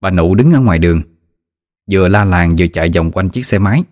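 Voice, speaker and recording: Deep-voiced man telling ghost stories. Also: quick pace, no room sound, studio quality. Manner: steady, vivid storytelling. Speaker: storyteller. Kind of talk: ghost story narration. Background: faint music.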